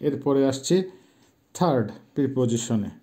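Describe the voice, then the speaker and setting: A middle-aged man with a warm, mellow voice teaches a language lesson. He speaks patiently at a middling pitch, pausing often and slowly repeating each word for pronunciation. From Bangladesh.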